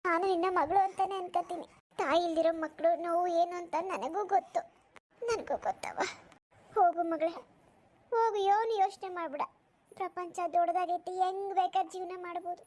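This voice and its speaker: A woman's voice: extremely high pitch, a little mellow. A woman voicing a kindly, lonely old village grandmother in a cartoon, talking in a rustic, motherly, consoling way. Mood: tender. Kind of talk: cartoon voice acting.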